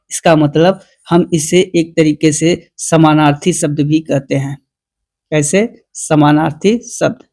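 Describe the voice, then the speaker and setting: A teacher giving an online exam-prep lesson. They slowly read out quiz questions, then explain them, often asking the class a question and answering it themselves. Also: medium pitch, a little mellow.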